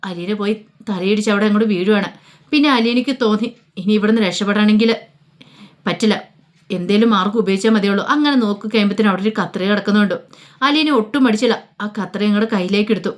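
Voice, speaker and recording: A woman narrating a dramatic story in a casual, colloquial way. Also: medium pitch. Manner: rapid, casual retelling.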